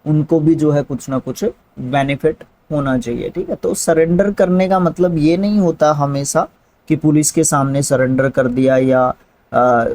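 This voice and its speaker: A male teacher explaining English word meanings in Hindi for exam preparation, reading each definition slowly and then explaining it loosely with fillers. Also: a little high, darkish tone, poor audio. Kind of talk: exam-prep lesson in Hindi.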